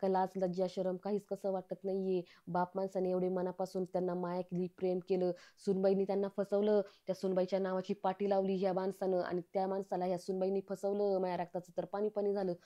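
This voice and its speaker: A woman's voice: medium pitch, completely flat delivery, fast, few pauses, dark tone, natural voice. A woman voicing a middle-aged village sister-in-law who wails and scolds in a melodramatic outcry. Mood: outraged wailing.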